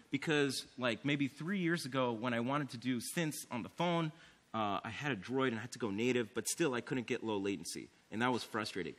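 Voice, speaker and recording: Lively, bright-voiced man giving a tech talk. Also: medium pitch. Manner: enthusiastic, filler-heavy, many "like"s. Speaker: conference speaker. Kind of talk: casual conference talk. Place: conference stage before an audience.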